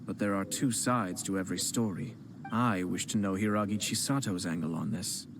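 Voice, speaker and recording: A man's voice: low voice, normal speed, vocal fry, noisy background. An actor playing a composed, gracious young nobleman in a game, speaking in a polished, courteous way. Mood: calm. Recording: game audio with music underneath. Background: game music.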